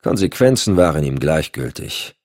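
A man narrating an audiobook thriller in a steady, measured way. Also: a bass voice, no echo, studio quality. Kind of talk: scripted narration.

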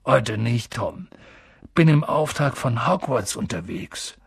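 A man voicing a huge, gruff but gentle gamekeeper who talks in a blunt, clipped way. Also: mid-range voice, expressive, takes it slowly, full character voice. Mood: brisk.

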